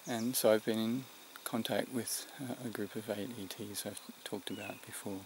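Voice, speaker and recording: A middle-aged Australian man with a low, gravelly voice talks in a halting, reflective vlog style. He sounds tired and short of breath. The recording is outdoors, with clear background noise. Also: steady tone. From New South Wales, Australia. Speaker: vlogger. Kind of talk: unscripted vlog to camera. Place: outdoors in the mountains.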